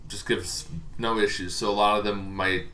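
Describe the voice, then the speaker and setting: A dungeon master covers tabletop monster lore in an informal, unscripted explainer that wanders and hesitates. He has a lowish, level, sharp-toned voice at normal speed, and the recording carries faint background noise.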